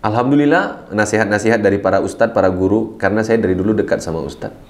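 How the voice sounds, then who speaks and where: A man speaking as a guest preacher, telling his story in an animated way, swinging between low murmurs and excited high bursts and laughing as he goes. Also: fast talker. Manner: laughs while telling stories. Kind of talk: storytelling interview talk.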